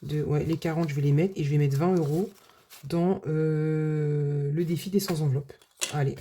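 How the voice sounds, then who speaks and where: A woman's voice: low-pitched, fairly even intonation, moderate pace, dark tone, a little hiss or hum. A woman budget vlogger chatting casually to her viewers, full of filler words and restarts. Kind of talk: casual vlog chat.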